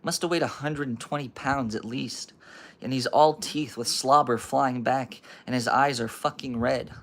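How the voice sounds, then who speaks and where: A man voicing an excitable teenage boy who swears while telling a scary story, read aloud from a book. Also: medium pitch, moderate pace, close to an everyday voice. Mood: agitated. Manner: swearing, emphatic.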